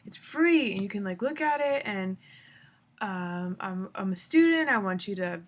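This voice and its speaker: A woman mimicking a pushy young street hustler who poses as an art student, giving an eager, persistent sales pitch. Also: lively intonation, moderate pace, natural voice.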